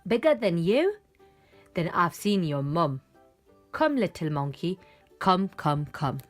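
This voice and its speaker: A woman's voice: on the low side, sing-song, takes it slowly, soft background music. A woman voicing a helpful but muddled butterfly in a children's picture book, eagerly coaxing and confident as a guide.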